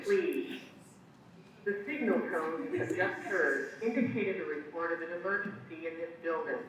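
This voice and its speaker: A man's recorded emergency announcement, played over a building's PA system in a formal, measured way. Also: sits high, bright, forceful tone, a little hiss or hum. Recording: distant echoey muffled PA speaker.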